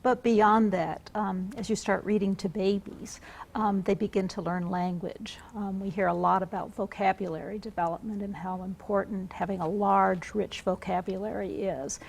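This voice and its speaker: An earnest woman guest on a studio TV segment. Her mid-pitched voice has a gravelly, creaky edge. She talks steadily, with frequent ums. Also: fairly even intonation, moderate pace, a little hiss or hum. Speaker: guest, reading advocate. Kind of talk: studio interview.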